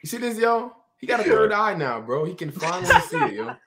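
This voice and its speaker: A man with a slightly high voice and very lively, swinging intonation. He chats casually as a co-host, teasing his friends in slangy frat-bro style. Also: a little fast, gravelly, over a noisy crowd. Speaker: podcast co-host. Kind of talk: casual chat.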